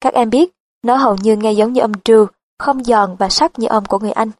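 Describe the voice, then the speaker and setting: Gracious pregnant accent teacher, read by a woman, slow careful drilling, higher voice. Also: a little mellow, lightly acted. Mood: instructive.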